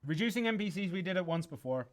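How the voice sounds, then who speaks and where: This man sits high in pitch, with lively intonation and a quick pace. He's a community manager on a game stream, answering viewers' questions in a loose, rambling way, full of ums and false starts.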